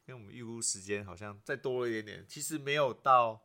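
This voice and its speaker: A man's voice: medium pitch, quick pace, a crowd in the background. A man with a Taiwanese accent hosting a casual podcast and explaining local sayings, agreeable and often repeating short phrases. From rural western Taiwan. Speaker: podcast host.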